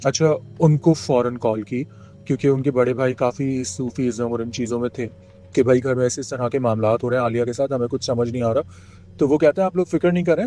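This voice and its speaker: A man's voice: medium pitch, warm tone. Man telling a horror story. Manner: retells a friend's account with many pauses and fillers. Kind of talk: casual spoken horror storytelling.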